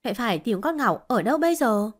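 A woman's voice: a little high, lively intonation, fairly quick, faint music behind. Woman doing a grieving older mother, sobbing, pleading, audiobook. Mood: wailing.

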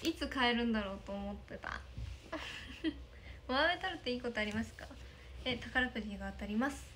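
A woman's voice: a little high, normal speed, a bit bright, slight background noise. A young woman in a casual livestream, reading viewer comments, thanking them often and giggling. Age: young adult. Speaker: idol livestreamer. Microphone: phone camera.

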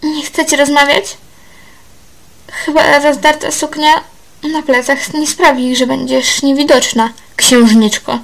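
A woman voicing a young male prince who taunts and commands, read loudly. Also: high-pitched, fairly even intonation, unhurried. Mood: taunting. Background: background music.

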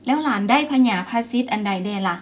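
An actress playing a Lao aunt in a scripted teaching skit, asking questions and approving of old proverbs. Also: female voice, medium pitch, expressive, fast, a little hiss or hum, natural voice. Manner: curious, approving, asks questions.

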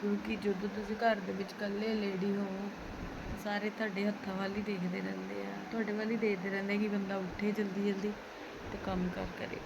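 A woman with a Punjabi accent chats to her viewers in a home vlog. Her voice sits at a middle pitch and her talk is casual, full of questions to the audience. Clear household noise runs behind her. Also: level tone, fairly quick. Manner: chatty, addresses viewers with rhetorical questions. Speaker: home vlogger. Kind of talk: casual chat to viewers while doing housework. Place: at home, partly in a kitchen while cooking. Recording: noisy home recording with household ambience.

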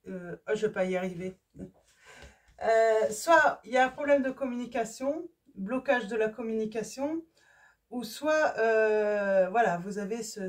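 A woman with a hoarse voice reading tarot cards for her viewers, casual and hesitant, often stopping to search for words. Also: mid-range voice, recorded from a distance. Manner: hesitant, many fillers and restarts. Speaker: tarot reader. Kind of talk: casual card-reading video.

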